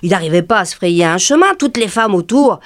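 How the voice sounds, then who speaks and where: An actress playing an excitable, bold working-class woman in a stage play, telling a story breathlessly and acting out the other people in it. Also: medium pitch, a little fast, dry recording, studio quality, natural voice. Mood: excited. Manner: animated, breathless gossiping, acts out every voice. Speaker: storyteller recounting to a friend.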